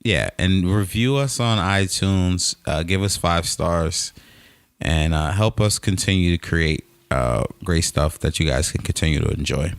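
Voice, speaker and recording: A man with a very low voice co-hosting a podcast. He talks casually and haltingly, with many uhs and restarts. The sound is dry and close-miked. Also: clear, resonant tone, no echo. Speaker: podcast co-host. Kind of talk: casual chat.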